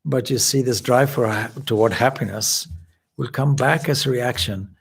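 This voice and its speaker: In a measured, explanatory spiritual talk with the odd restart, a swami from Zimbabwe speaks in a husky, gravelly voice at a middle pitch.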